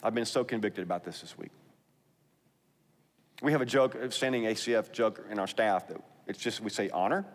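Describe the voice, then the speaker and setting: Speaking in a lowish voice at normal speed, a Texan pastor pauses often during his sermon. His delivery is conversational and emphatic, broken up by scripture he reads aloud, and a large hall adds long reverb.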